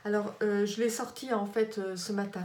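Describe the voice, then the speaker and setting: A woman's voice: medium pitch, steady tone, normal speed, darkish tone. A woman working as a medium, reassuring her client in a casual consultation, with many fillers and repeated checks that she is understood. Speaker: medium giving a reading. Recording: echoey room with crowd noise.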